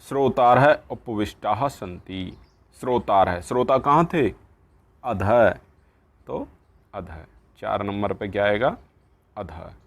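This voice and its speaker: Reading Sanskrit lines aloud at a slow pace and then explaining each word in Hindi, a man teaches from a textbook. His voice is on the low side, expressive and gravelly.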